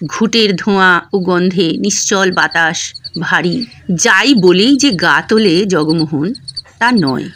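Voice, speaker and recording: A woman narrating an audiobook story in a measured, expressive way. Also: medium pitch, a little hiss or hum.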